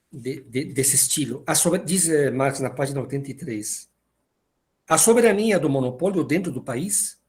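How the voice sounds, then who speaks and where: A man's voice: fairly high pitch, a little mellow. A man teaches a university philosophy class in a slightly raised voice. He stumbles and repeats words as he thinks aloud, then reads a passage and unpacks it for his students. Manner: hesitant, repeats words while searching for them. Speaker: philosophy lecturer. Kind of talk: university lecture.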